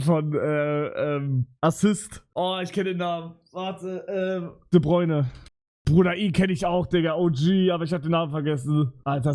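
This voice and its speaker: A young man chatting live on stream in a bright, high voice. He rambles in street slang and swears freely, sounding flustered as he talks. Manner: slangy, swearing, repeats "Digga" and "Bruder". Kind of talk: casual live-stream chat.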